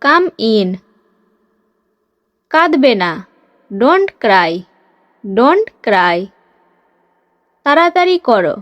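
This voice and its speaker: Brief: high-voiced woman teacher, drilling short phrases in a dry close recording. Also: big pitch swings, a bit bright, no echo, lo-fi sound. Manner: reads each Bengali phrase briskly, then says the English slowly twice. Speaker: English teacher.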